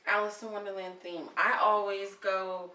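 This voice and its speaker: Heard from far off in a reverberant room with slight background noise, this thirty-something host has a mid-range voice at normal speed. Her interview show is relaxed, and she's cheerful and talkative, often bursting with enthusiasm.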